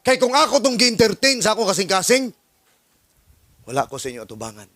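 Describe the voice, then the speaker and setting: Man from the Philippines, pastor, sermon, animated storytelling, high voice, dry sound. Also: a little fast, no echo. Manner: animated storytelling, acts out dialogues, chuckles.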